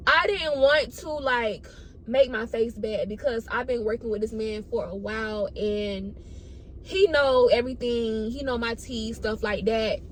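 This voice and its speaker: A fairly high-voiced woman tells her story in a casual, slangy way. She is animated and dramatic, repeating phrases to drive points home. Some noise runs behind her voice. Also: poor audio. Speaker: storytime vlogger. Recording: noticeable background noise.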